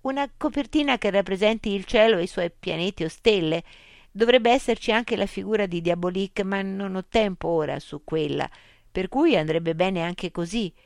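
A woman's voice: medium pitch, moderate pace, vocal fry, dry recording, studio quality, voice pushed up, lightly acted. A woman voicing a flustered adult woman writer who keeps apologizing. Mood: apologetic.

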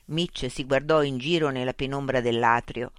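A narrator reading a science fiction story as an audiobook in a calm, even way, close to the mic. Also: mid-range voice, normal speed, clean tone, dry recording.

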